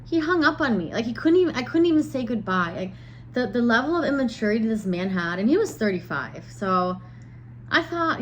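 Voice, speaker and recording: A young woman vlogger tells a dating story to camera, chatty and exasperated, full of filler words. Her voice is mid-range, and the audio is poor with a little hiss or hum.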